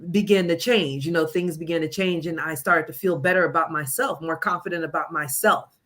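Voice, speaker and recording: A woman in her forties, a healing coach, talking earnestly in a casual interview and telling stories with animated mimicked voices. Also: sits low. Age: 40s.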